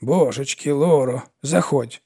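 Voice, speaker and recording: A man's voice: medium pitch, vocal fry, dark tone, slightly rough, pitched above the performer's own voice. A man doing a stern motherly old woman. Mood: coaxing. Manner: scolding, brisk and motherly. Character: older woman, stern yet kindly widow.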